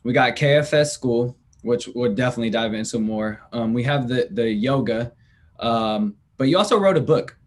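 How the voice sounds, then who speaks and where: A man's voice: mid-range voice, moderate pace. A man hosting a podcast interview over a remote call, asking questions in a loose, casual way with many fillers and restarts. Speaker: podcast host.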